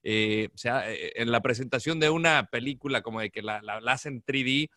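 A man's voice: mid-range voice, moderate pace, pushed and bright, no echo, studio quality. Laid-back Mexican man in podcast chat. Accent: Mexican Spanish. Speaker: podcast co-host. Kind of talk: casual sports chat.

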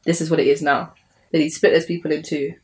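Reflective young woman podcaster, lowish voice. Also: flat delivery, quick pace, darkish tone. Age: young adult. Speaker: podcast co-host. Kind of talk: casual podcast chat.

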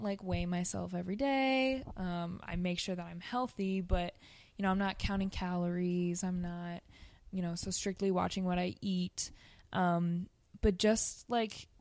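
A young woman, a guest on a podcast who coaches ice baths, talks casually in an interview. Her voice is medium-pitched with a darkish tone, recorded dry, and her informal, hesitant phrasing tends to trail off.

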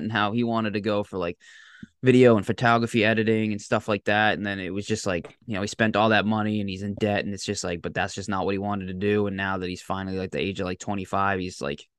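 A man with a lowish voice hosts a casual podcast chat. He talks in an enthusiastic, sweary, slangy way, recorded close and dry. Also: clean tone, no room sound. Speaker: podcast host.

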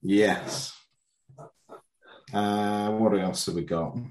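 Deep-voiced man hosting, echoey room. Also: fairly even intonation, extremely slow, darkish tone. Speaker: quiz host on a football podcast. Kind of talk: casual banter, quizmaster. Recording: roomy, echoey sound.

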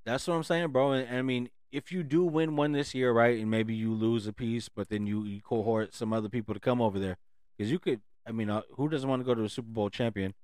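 A man's voice: medium pitch, fairly even intonation, a little fast, darkish tone, clear, resonant tone, no room sound. A man hosting a casual sports chat, talking in slangy frat bro fashion with some swearing. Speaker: sports talk show host.

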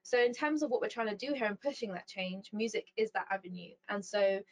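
A woman's voice: mid-range voice, fairly quick, poor audio. A young woman guest speaking about her work in a thoughtful, casual way, with many ums and likes. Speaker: founder and CEO, guest. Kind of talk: casual interview chat.

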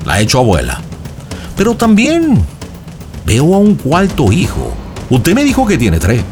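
A man acts as a dramatic fortune teller on a call-in, consulting cards and shells and posing leading questions in a sing-song way, with music in the background. He speaks on the high side at a measured pace, his pitch swooping wildly and his tone darkish and exaggerated.

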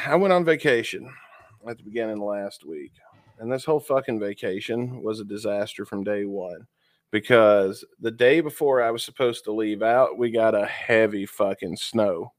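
On a dry, studio-quality recording, a man with a lowish voice co-hosts a podcast at a moderate pace. His chat is casual, profane and packed with fillers. Being sick leaves him sounding stuffy and sniffly.

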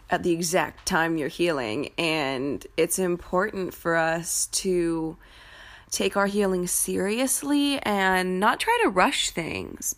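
A woman hosting a podcast, telling personal stories in a candid, informal way with casual swearing. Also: fairly low pitch. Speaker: podcast host. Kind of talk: confessional personal storytelling podcast.

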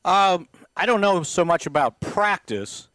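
A man's voice: sits high, animated, measured pace, fairly bright tone, no room sound. A man co-hosting a casual sports podcast, telling anecdotes with lots of false starts and repeated words. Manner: storytelling, many false starts. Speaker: podcast co-host.

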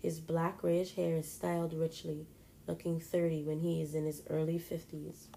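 A woman reading a first-person story aloud in a plain, steady manner. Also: low voice, moderate pace, gravelly, a little hiss or hum, rough recording.

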